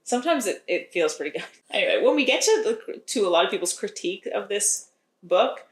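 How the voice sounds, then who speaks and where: A woman's voice: medium pitch, very animated, fairly quick, echoey room. Wry, chatty woman recapping a book. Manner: chatty, wry, laughs often. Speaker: podcast co-host recapping a book. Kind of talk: casual chat.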